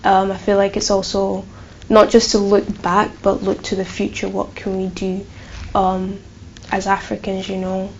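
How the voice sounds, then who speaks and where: A woman's voice: mid-range voice, completely flat delivery, unhurried, darkish tone, highs cut off, slight background noise. A woman in her twenties with a light Glaswegian Scottish accent, answering interview questions casually with many ums and likes. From Burundi. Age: 20s. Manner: chatty, many fillers like um and like. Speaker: student interviewee.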